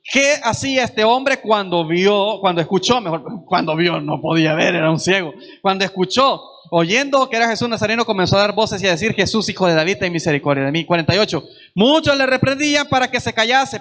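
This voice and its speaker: Male preacher, earnest and repetitive, fairly high and tense voice, at a church service. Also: expressive, normal speed, a bit bright. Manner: earnest, repeats phrases for emphasis. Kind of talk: sermon.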